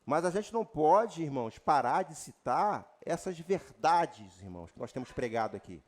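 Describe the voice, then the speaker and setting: A Brazilian man with a Brazilian Portuguese accent, a pastor preaching a lively sermon with jokes and sudden loud declarations at a church retreat. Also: on the high side, moderate pace.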